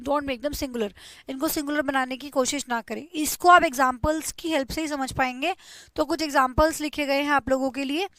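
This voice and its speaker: A young woman teaches an English grammar lesson with a high, bright-pitched voice. She explains patiently, repeats each word and drills the correct forms. The recording is close and dry. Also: no echo. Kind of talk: Hindi-language grammar lesson.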